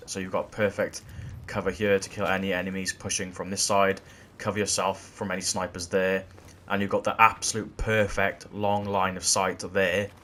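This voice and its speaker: A man walking through video game tactics in a gameplay tutorial, explaining in a steady way that often repeats "again". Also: lowish voice, a little hiss or hum. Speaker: gaming channel host.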